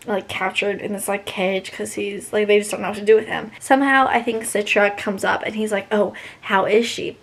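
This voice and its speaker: A young woman in her early twenties, reading a book aloud and reacting with excitable, gushing chatter full of fillers and gasps. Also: medium pitch. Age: young adult. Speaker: book vlogger.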